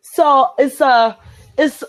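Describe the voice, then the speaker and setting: Her voice sits high and moves very slowly as she hosts a motivational group chat. The woman, who has a Liberian accent, is earnest and emphatic, frequently repeating phrases to hammer a point home.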